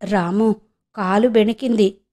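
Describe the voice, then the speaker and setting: A woman's voice: medium pitch, fairly even intonation, takes it slowly, mellow, natural voice. A woman voicing a young village woman who is searching for her lost brother, speaking earnestly and pleadingly in an audiobook. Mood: subdued.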